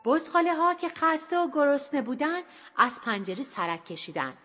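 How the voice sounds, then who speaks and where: A woman telling a children's story with lively, expressive narration. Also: high-pitched. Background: music.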